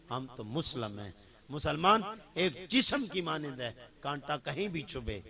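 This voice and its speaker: A man with a Pakistani accent giving a religious sermon, calling out to the crowd, then dropping to soft asides and reciting verses. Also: medium pitch, highs cut off. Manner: emphatic, swings between loud calls and soft asides; addresses the crowd directly, recites Arabic verses. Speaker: preacher. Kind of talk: Urdu religious sermon with storytelling.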